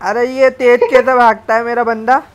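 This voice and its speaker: A man's voice: very high-pitched, level tone, normal speed, smooth, highs cut off, faint music behind. Teasing young man gaming on a headset. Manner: teasing, playful, chatty. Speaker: gamer. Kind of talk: casual gaming banter.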